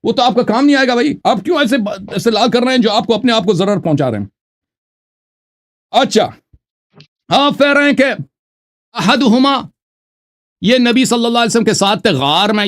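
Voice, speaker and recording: A man's voice: sits high, animated. A man in a live debate making a rebuttal, arguing with rhetorical questions and reciting Arabic scripture.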